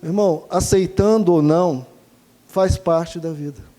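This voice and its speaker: Man, pastor, sermon, earnest, rhetorical questions, raised pitch. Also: measured pace, mellow. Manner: earnest, rhetorical questions, addresses congregation as dear ones.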